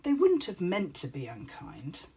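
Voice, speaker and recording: A woman's voice: fairly low pitch, wildly swooping pitch, unhurried, vocal fry, warm tone, breathy edge, heavily acted. A woman voicing a kind female witch in a storybook, speaking in a soothing, reassuring way. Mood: gentle. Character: kind, gentle female witch, comforting friend.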